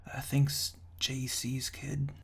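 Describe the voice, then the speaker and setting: Slowly and softly, a man whispers reviews and deadpan remarks in binaural ASMR fashion, his dry humor tongue-in-cheek. The sound is a breathy, hushed whisper with a low murmur underneath, recorded on a binaural microphone very close to the ears, with faint noise.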